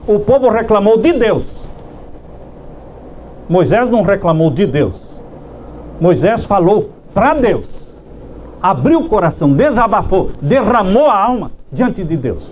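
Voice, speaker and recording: A pastor preaching a sermon slowly with emphatic pauses, acting out heartfelt prayers in his own voice. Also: high voice, sing-song. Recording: dull lo-fi sound with faint background noise.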